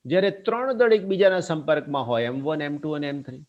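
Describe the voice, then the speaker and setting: A man's voice: fairly high pitch, quick pace, dull audio. A man giving a physics lecture. He talks fondly to his students, asks them questions and answers them himself. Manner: animated, talks warmly to students as kids. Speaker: physics teacher. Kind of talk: classroom lecture.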